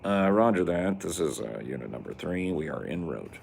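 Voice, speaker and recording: A gruff male officer rattles off a police radio call in a clipped, official cadence, as a man puts him on. The voice sits very low, and a faint hiss runs underneath. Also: very animated, normal speed, a little mellow, full character voice. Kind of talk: livestream chat.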